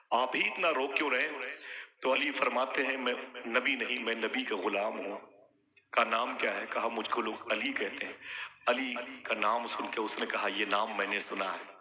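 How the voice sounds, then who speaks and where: Guy preaching an emotional story at a gathering, does all the voices, gets loud calling to people, crowd noise behind. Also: medium pitch, fairly even intonation. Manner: acts out dialogue, rises to loud calls to the crowd. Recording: crowd audible behind the speaker.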